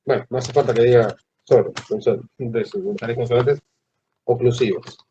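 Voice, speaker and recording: A male teacher giving a classroom lecture, who asks the students questions and pauses mid-phrase. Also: medium pitch, fairly even intonation, warm tone, a little hiss or hum. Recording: dull lo-fi classroom recording.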